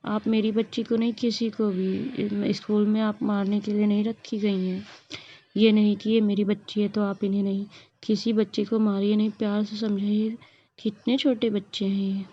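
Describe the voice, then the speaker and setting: A woman's voice: medium pitch, flat delivery, moderate pace, dull audio, close to an everyday voice. A woman voicing a bossy, sulky tomboyish young woman, making petulant threats in a storybook reading. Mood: stern.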